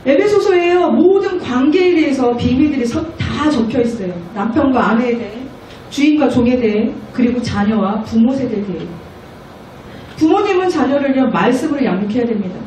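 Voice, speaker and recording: 울림 큰 예배당의 높은 목소리 여성 설교자. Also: female voice, sits high, moderate pace, a little hiss or hum. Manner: animated, acts out children's voices. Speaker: missionary preacher. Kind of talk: sermon at a prayer meeting. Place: church hall. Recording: echoey room, mic far off.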